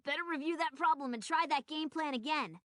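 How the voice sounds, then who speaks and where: A woman voicing an excitable little announcer who cheers on the player in a computer game. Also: high voice, fairly quick, dry recording, clean studio sound. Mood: excited. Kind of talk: scripted game commentary.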